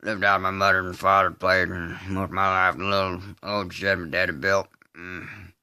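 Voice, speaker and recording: An amateur voice artist fully inhabits the character of a slow-witted rural man from a film, recreating the scene where he flatly and unrepentantly confesses to a killing. The voice is a low, hard-edged, resonant Southern US drawl, flat and matter-of-fact, coming out in halting phrases broken up by grunted hums. The tone is clean, with clean studio sound and no room sound.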